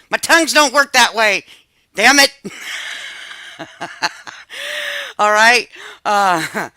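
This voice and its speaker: On her reaction commentary channel, a woman with a fairly low-pitched, pushed and bright voice pauses another video to chat over it. She scolds commenters and laughs at herself, and the audio carries no room sound.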